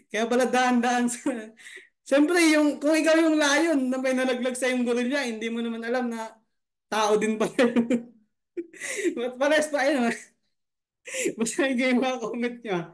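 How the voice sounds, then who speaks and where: A male marketing coach tells a story on a live stream. He is chatty and breaks into laughter often. His voice sits notably high. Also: moderate pace, pauses often.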